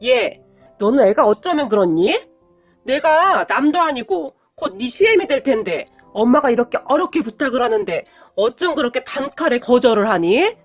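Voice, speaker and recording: A woman's voice: sits high, big pitch swings, normal speed, soft background music. A woman voicing a condescending, nagging middle-aged mother in a read-aloud story. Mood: scolding.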